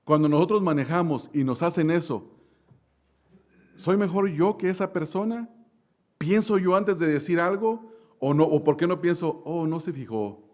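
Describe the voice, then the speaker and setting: A male pastor preaching a sermon, slowing down to stress key words, asking the congregation questions and telling a lively story with sudden loud bursts. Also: fairly high pitch. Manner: preaching with slow drawn-out emphasis and direct questions to the congregation.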